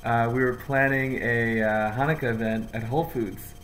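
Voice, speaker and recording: A man's voice: medium pitch, fairly even intonation, moderate pace, a bit bright, slight background noise. A man from Queens, chatting casually as a podcast guest in short, laid-back replies. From Queens, New York. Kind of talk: casual chat.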